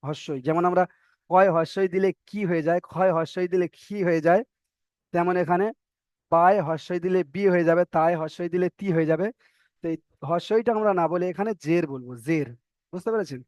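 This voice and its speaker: A man teaching a recorded online reading class, drilling letters slowly one by one and explaining in quick bursts. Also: high-pitched, darkish tone, smooth, no room sound.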